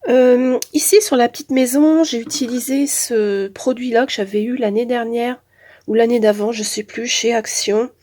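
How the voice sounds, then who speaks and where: Female craft vlogger, higher-pitched, slightly husky, stuffed-up nasal voice from a head cold, casual showcase narration. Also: steady tone, normal speed, dark tone. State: has a head cold with blocked nose. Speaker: craft channel host.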